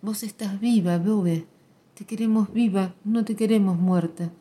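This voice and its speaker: A woman voicing a young daughter who speaks softly and reassuringly. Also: medium pitch, steady tone, a little slow, close to an everyday voice. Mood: gentle insistence.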